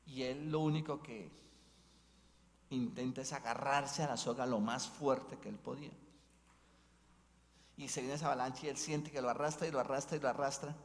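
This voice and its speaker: A man's voice: medium pitch, steady tone, moderate pace, long pauses. A man from Colombia, a bishop preaching an Advent mission sermon. He tells stories as he preaches and keeps tagging his sentences with questions to the congregation. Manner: storytelling preacher, leans on tag questions. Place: church. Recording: long church reverb.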